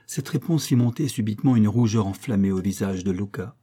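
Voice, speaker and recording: A man narrating an audiobook in a measured literary style. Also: fairly low pitch, warm tone, breathy edge. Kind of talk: audiobook reading.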